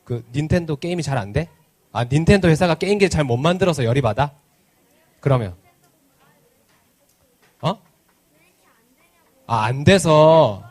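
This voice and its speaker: A male children's pastor leads a church kids' service in a fairly high, very animated voice. He banters and teases, throwing question after question at the children. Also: normal speed, long pauses. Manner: playful, teasing banter with kids; asks the children many questions. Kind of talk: interactive children's sermon.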